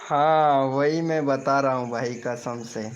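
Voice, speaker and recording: A man's voice: mid-range voice, steady tone, takes it slowly, highs cut off, faint music behind. Chatty man hosting a live stream. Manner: chatty, teasing banter with viewers. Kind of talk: casual live-stream chat.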